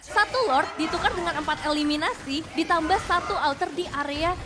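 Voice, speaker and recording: A woman's voice: very high voice, fairly quick. A woman with an Indonesian accent giving analytical esports commentary as a caster. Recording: clear background noise and ambience.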